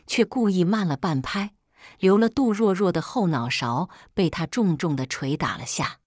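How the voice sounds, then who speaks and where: A woman tells a dramatic story at a steady pace, calm and measured but emotional. Her voice sits fairly low yet rises and falls a great deal, and the audio is dry and close. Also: no echo.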